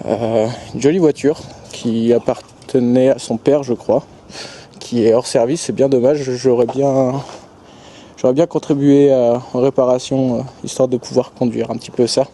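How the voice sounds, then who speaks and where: A young man from France talks through a casual vlog while showing a house and its garden. He hesitates a lot and restarts his sentences, in a mellow, darkish voice at an ordinary pitch. A faint hiss sits under the recording. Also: fairly even intonation, normal speed. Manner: hesitant, many fillers and restarts. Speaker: travel vlogger. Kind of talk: casual vlog narration, giving a house tour.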